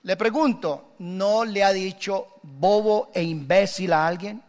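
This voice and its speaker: A man with a Colombian accent preaching a lively, humorous sermon as pastor, putting on the voices of his listeners. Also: sits high, slow pace, big-room sound. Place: church.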